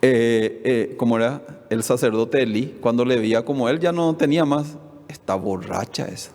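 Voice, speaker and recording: A man's voice: mid-range voice, fairly even intonation, normal speed, darkish tone. A man, preaching a sermon as pastor, often asking the congregation questions and acting out what the people in the story say. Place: church hall. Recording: long reverb of a church hall.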